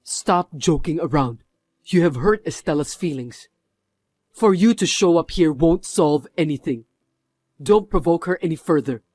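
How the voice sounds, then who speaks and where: A man voices a stern executive husband laying down the law in a firm, scolding dubbed-drama delivery that stays steady and measured. His voice is a bit high for a man and sounds close and dry, with no room sound.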